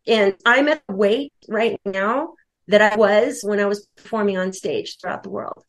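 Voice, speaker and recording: A woman's voice: medium pitch, normal speed. A woman guest telling her own story candidly and emotionally, with lots of fillers. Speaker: coaching client and guest. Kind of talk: candid personal testimony.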